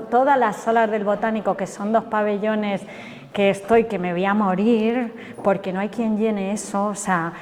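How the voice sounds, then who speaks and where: A woman's voice: medium pitch, darkish tone. A woman lecturer, chatting enthusiastically and colloquially while taking questions after her talk. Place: lecture hall. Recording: long reverb of a lecture hall.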